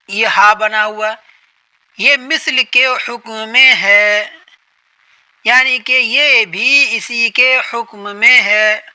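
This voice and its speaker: A man's voice: high voice, bright, forceful tone, clear, resonant tone, low-quality recording. A man teaching a lesson on Quran reading, who repeats each point and asks questions that he then answers himself. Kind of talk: explanatory lesson.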